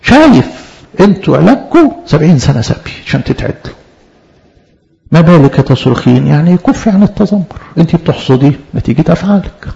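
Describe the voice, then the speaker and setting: Man, Egyptian Arabic accent, preaching, gravelly, fairly high voice, animated rhetorical questions, dull lo-fi recording. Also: a little fast. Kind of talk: sermon. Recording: dull lo-fi sound.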